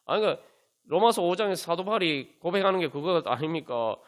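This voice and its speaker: Animated preaching man. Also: high voice, fast. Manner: preaching with many rhetorical questions and fillers. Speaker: pastor. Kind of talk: sermon at a Friday prayer meeting. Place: church.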